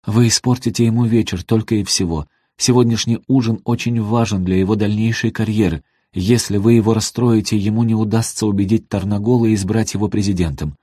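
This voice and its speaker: A man voicing a desperate pleading rich wife, storybook reading, husky dry voice. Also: deep voice, brisk, few pauses, dark tone, no echo. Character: frightened wealthy young wife, pleading.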